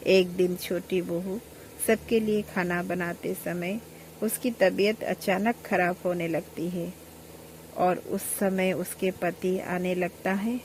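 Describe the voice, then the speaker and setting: A woman narrating a family story in a measured, plain way. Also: on the low side, steady tone, darkish tone, a little hiss or hum.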